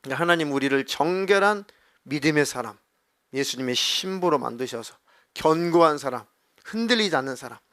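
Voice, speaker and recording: A man's voice: fairly high pitch, expressive, fairly quick, a bit bright, no echo. A male senior pastor preaching a sermon, emphatic and dramatic, acting out dialogue as he goes. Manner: emphatic, acts out quoted dialogue.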